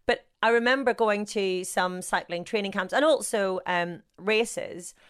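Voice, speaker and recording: In a smooth, medium-pitched voice at a measured pace, a woman with a Northern Irish accent talks casually as an interview guest. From Northern Ireland and working as a sports journalist, she's outgoing and pokes fun at herself.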